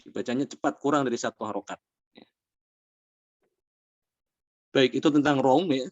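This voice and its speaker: Male recitation teacher, measured and explanatory, with drawn-out demonstrations; dry, muffled recording. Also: medium pitch, no echo. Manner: explains patiently, often adding "ya"; slows down to demonstrate recited words. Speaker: tajwid teacher. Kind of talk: Quran recitation lesson.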